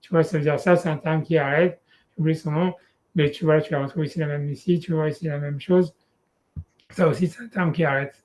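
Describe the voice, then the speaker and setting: A man teaching Torah in a relaxed one-on-one study session, talking casually with many restarts and fillers. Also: on the high side, fairly quick.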